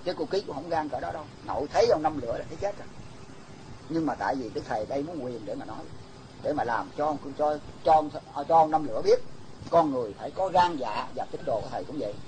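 A man's voice: a little high, lively intonation, quick pace, a little mellow, slight background noise, poor audio. A man telling religious tales in a folksy way, often repeating and correcting himself. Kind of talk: spoken storytelling.

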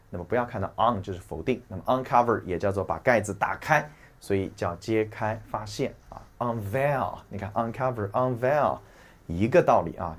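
Lower-pitched man teaching vocabulary. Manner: explains in a chatty way, with frequent trailing "啊" and "对吧"; slows down to read English terms and phrases aloud. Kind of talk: recorded vocabulary lecture.

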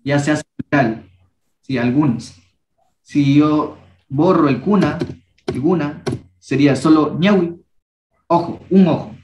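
A young man teaching a language workshop, patiently repeating each word slowly so students can copy its pronunciation. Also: a little high, a little mellow, roomy sound, a little hiss or hum. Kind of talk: teaching a class.

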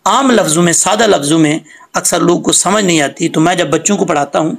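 A man with a high, gravelly voice runs a screen-recorded lesson at his computer, explaining each rule patiently. He repeats the words slowly and stretches the recited phrases out in a chant. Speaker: Quran reading teacher.

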